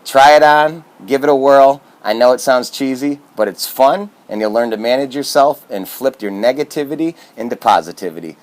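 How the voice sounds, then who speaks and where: A man's voice: medium pitch, a little fast, hardly any pauses, a little mellow. A man from Michigan giving casual motivational talk to camera as a self-help vlogger, upbeat and earnest, with plenty of fillers.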